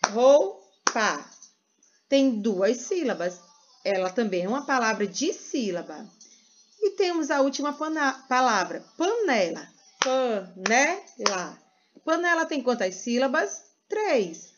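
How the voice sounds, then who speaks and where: A Brazilian woman teaching first graders in a sing-song way, stretching words slowly for small children. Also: high voice, big pitch swings, dull audio, noisy background. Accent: Brazilian Portuguese. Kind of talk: teaching a recorded lesson to young children.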